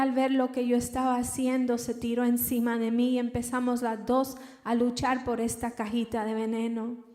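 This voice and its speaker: A woman giving an emotional personal religious testimony, halting and repeating words as she speaks. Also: on the high side, a little mellow. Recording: echoey room with long reverb.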